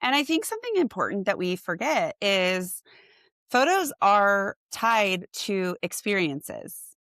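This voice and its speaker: A woman in her forties, a portrait photographer, talking in a casual interview and lively acting out her clients' excited reactions. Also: mid-range voice, takes it slowly, dry recording, studio quality.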